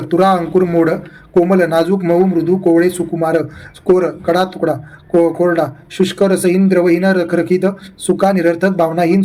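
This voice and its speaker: A man reading out a vocabulary list for exam preparation in rapid pairs and short runs. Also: high-pitched, mellow. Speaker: exam-prep teacher.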